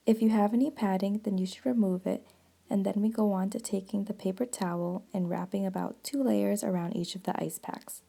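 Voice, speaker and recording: A woman's voice: medium pitch, fairly even intonation, fairly quick, vocal fry, warm tone, breathy edge. A woman in her twenties giving a casual, step-by-step how-to voice-over. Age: 20s. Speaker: vlogger narrating a demonstration. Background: music.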